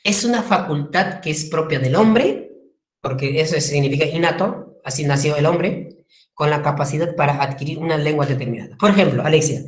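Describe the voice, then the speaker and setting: A man's voice: fairly high pitch, animated, normal speed. Man, language teacher, classroom lecture, repeats and spells out terms, asks the class rhetorical questions, echoey room.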